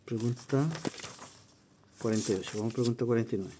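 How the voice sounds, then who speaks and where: During this exam-prep class, the male teacher reads each question out, walks through the explanation, and often pauses to ask a brief check-in question. He has a mellow, mid-range voice, with a little hiss or hum in the background.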